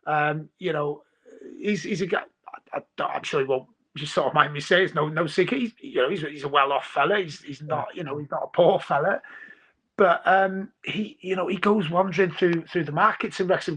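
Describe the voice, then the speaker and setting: A Welsh-speaking man from North Wales, with a North Welsh accent, chats casually as a podcast guest, rambling and restarting often. His voice is on the high side, brisk, fairly bright, with a breathy edge.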